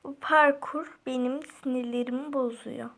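A young woman giving casual gameplay commentary, often frustrated and muttering to herself to stay calm. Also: high voice, normal speed. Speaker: gameplay video creator.

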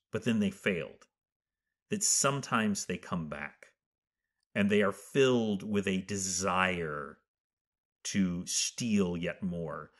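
A man narrating a tabletop game as game master, improvising in halting, deliberate phrases. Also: lowish voice.

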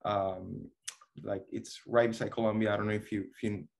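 With a fairly low, somewhat mellow voice that barely shifts in pitch, this young man from Venezuela talks at a moderate pace with vocal fry. He's an online fitness coach guesting on a casual video-call interview, earnest, hesitant, and heavy on fillers. A laptop or webcam mic captures him in a small room at home.

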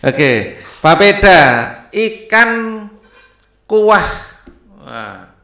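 A man's voice: mid-range voice, moderate pace, bright, forceful tone. A man teaching a primary school lesson, reading the textbook aloud with chatty asides. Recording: echoey room.

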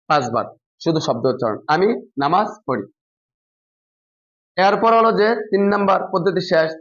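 High-voiced man teaching reading aloud. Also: highs cut off. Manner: slow drawn-out spelling demonstrations with quieter low asides. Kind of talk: spoken classroom lesson demonstration.

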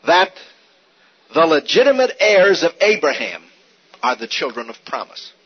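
In an older, dull-sounding recording, a Bible teacher with a husky, high-leaning male voice teaches Scripture in a sermon. His delivery is animated, full of rhetorical questions and repeated key points.

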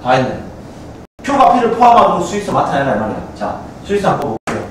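Lively Gyeongsang man teaching math. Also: high voice, brisk, slight background noise. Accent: Gyeongsang Korean. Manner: lively, quizzing students with constant checks. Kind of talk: classroom lecture. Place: classroom. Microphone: far camcorder. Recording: echoey classroom from a far camcorder.

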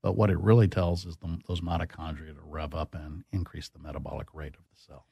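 Man, very low voice, dark and mellow tone, guest doctor, teacherly explanations, dry close sound. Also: flat delivery, brisk, creaky, breathy edge, no room sound. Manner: teacherly, quizzes the host with questions. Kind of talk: explanatory interview.

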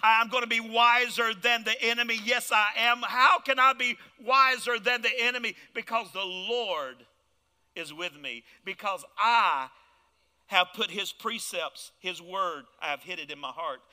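A man's voice: high voice, measured pace, pushed and bright, smooth, in a large hall. A man preaching a fervent sermon as pastor, throwing out call-and-response asides to his congregation. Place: church.

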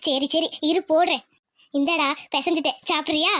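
A woman's voice: high-pitched, steady tone, a little fast, fairly bright tone, no room sound, studio quality, voice pushed down. A woman voicing an indulgent, fussing village mother in a cartoon, scolding her son fondly. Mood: indulgent, fussy. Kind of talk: Tamil cartoon voice acting.

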